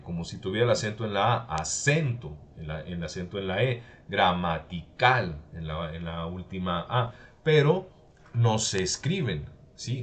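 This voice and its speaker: Low-voiced man teaching a class. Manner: explanatory, checks in with "¿sí?" often. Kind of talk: recorded class lecture.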